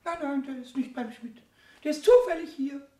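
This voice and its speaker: A performer voicing a mischievous little male kobold in a radio play, high and childlike, who stumbles and repeats his words. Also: lively intonation, normal speed, mellow. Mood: indignant. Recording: roomy studio recording.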